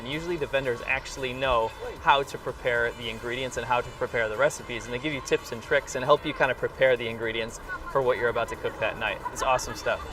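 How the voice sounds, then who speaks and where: Recorded from a distance with background noise, a man with an American accent from rural New York, United States, hosts a casual vlog. He talks to the camera enthusiastically and emphatically. His voice is mid-range.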